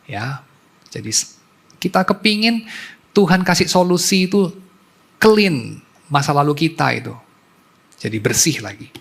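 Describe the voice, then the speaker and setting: A man's voice: on the high side, big pitch swings, measured pace, vocal fry, long pauses, fairly bright tone, slightly rough. A man preaching a sermon as a pastor, in a conversational storytelling way, mixing in English terms.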